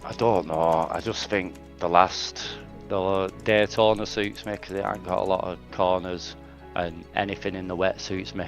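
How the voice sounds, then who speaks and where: Deep-voiced Oldham man, chatty. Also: fairly even intonation, normal speed, hardly any pauses, soft background music. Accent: northern English, Oldham. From Oldham, northern England. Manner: plain-spoken, laughs easily, self-deprecating. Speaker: racing driver interviewed after a race. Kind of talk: casual post-race interview.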